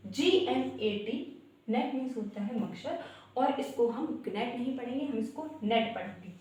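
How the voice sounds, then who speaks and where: A young woman gives a step-by-step pronunciation lesson, spelling each word out letter by letter. Her voice sits fairly high. She is recorded from a distance in a very echoey room. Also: moderate pace, dark tone. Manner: explains step by step, spells words out letter by letter, keeps saying "guys". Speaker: English teacher. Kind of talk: Hindi-language English pronunciation lesson.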